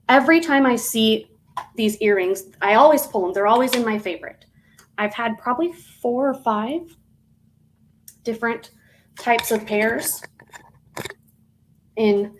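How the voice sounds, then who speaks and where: Woman, casual live-stream seller, slightly high pitch, rambling, fillers and self-corrections. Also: slight background noise, low-quality recording.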